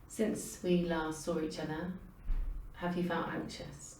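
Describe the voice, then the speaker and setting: A detached female research interviewer, questions her subject formally and with measured care. Her voice is low and soft-edged, picked up at a distance in a roomy space with some faint noise. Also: level tone. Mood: clinical. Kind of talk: scripted clinical interview.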